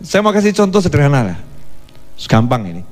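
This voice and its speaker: A man preaching a midday sermon, playful and lively, tossing quick questions to the congregation. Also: on the high side, in a large hall.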